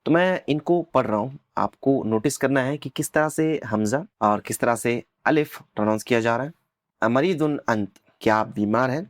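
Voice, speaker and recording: A man teaching an Arabic lesson, patiently explaining and slowly repeating words for learners to copy. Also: mid-range voice, dry recording, clean studio sound.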